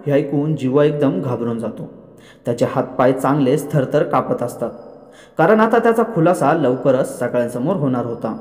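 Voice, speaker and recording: A man's voice: mid-range voice, normal speed, darkish tone. A man retelling a TV serial episode, voicing each character's lines with rising emotion. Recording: echoey room with long reverb.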